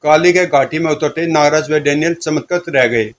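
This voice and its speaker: A man's voice: on the high side, moderate pace, a little hiss or hum. Dramatic male comic-book narrator. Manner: dramatic storytelling.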